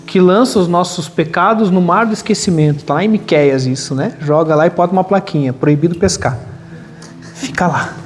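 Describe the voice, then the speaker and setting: A male pastor preaching a lively sermon at a church retreat, with humor and acted-out quotes. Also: sits high, moderate pace. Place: large hall at a retreat. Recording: long hall reverb.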